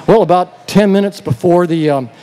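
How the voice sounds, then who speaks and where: Over a loud live band, a male country singer on an outdoor festival stage tells the crowd a relaxed, meandering story between songs. He speaks into a stage vocal mic in a high voice at normal speed, and the audio is live stage sound.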